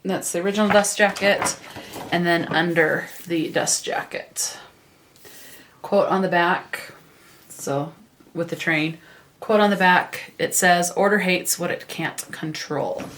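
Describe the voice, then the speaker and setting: A woman's voice: lowish voice, slow pace, a bit bright, a little hiss or hum. A woman hosting a casual book vlog, chatting and reading book synopses aloud, with small stumbles and self-corrections. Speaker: book vlogger.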